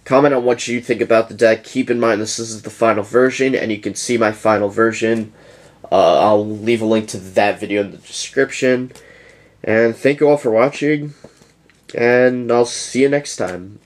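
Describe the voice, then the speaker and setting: Rambling young man, fairly low voice. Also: fairly even intonation, moderate pace. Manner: rambling, yawning, chatty. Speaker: YouTuber presenting a card deck. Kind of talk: casual deck profile.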